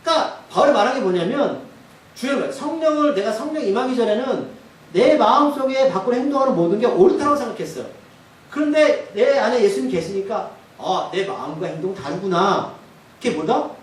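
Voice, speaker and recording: A man's voice: very high voice, lively intonation, fairly quick. A male pastor preaching a sermon, often putting questions to the congregation. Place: church sanctuary. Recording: echoey church hall from far off.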